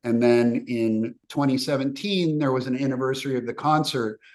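A man's voice: mid-range voice, normal speed, a little mellow. A man from the former Yugoslavia, a film director, answering interview questions in an earnest, reflective, run-on manner.

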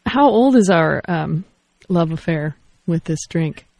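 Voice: medium pitch, lively intonation, slow, gravelly, darkish tone. A radio host asking questions in a hesitant way and laughing often. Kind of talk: radio interview.

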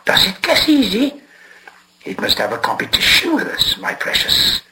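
A man's voice: high voice, huge pitch swings, normal speed, vocal fry, sharp tone, voice pushed up, full character voice, poor audio. A man voicing a slimy, sly cave creature who hisses and whispers, wheedling and talking to himself in broken grammar. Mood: gleeful. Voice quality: whispering, hissing.

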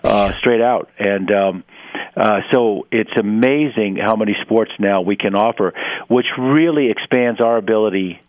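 A man in his sixties gives a radio interview in a lowish voice. He explains things haltingly, pausing and repeating words as he goes. The sound is somewhat dull and lo-fi. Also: dry recording. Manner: halting, hesitant delivery with many pauses and repeated words. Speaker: interview guest, head of an adaptive sports organization.

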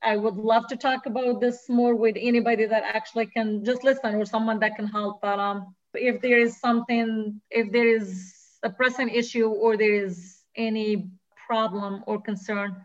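A woman from Morocco with a Moroccan accent, speaking as a guest in a radio interview. Her voice sits a bit high and she talks earnestly, pausing and restarting often. The recording sounds slightly muffled and lo-fi. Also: flat delivery. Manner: earnest, with many hesitations and restarts.

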